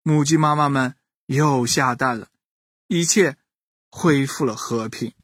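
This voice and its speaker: A man narrating a children's bedtime story in an animated way, speaking straight to the children listening. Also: medium pitch, a little slow, husky, dry recording, studio quality. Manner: animated, addressing children directly.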